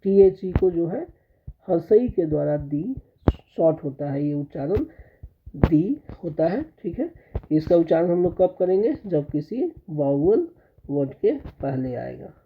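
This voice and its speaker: A man teaching English grammar, drilling pronunciation by repeating example words slowly and checking understanding again and again. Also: fairly high pitch, sing-song, phone-quality sound, background noise. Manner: keeps checking understanding with repeated "theek hai" and "spasht ho gaya". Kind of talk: explaining a grammar lesson.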